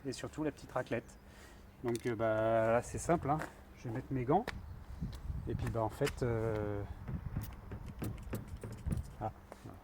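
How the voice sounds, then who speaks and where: A man talks casually as he works on a van outdoors, thinking aloud and filling his pauses as he goes. His voice sits at an ordinary middle pitch. Faint outdoor noise hums behind him. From France. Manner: chatty, thinking aloud with fillers while working. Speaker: van builder. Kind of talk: casual DIY vlog narration.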